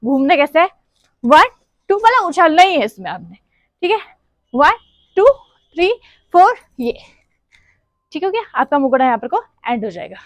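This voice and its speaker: A woman's voice: high-pitched, big pitch swings, brisk, no echo. A woman teaching a dance class step by step, counting beats aloud and half-singing song lines as she demonstrates.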